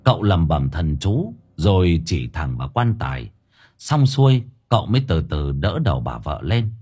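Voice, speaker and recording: A man narrating an audiobook story in a lively, expressive way. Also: deep voice, normal speed, husky.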